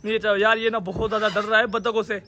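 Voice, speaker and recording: A man's voice: high-pitched, flat delivery, quick pace, bright, forceful tone, dull audio, slight background noise. A young man chatting casually in a pet vlog, coaxing and scolding a child while handling birds by the cages. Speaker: pet vlogger.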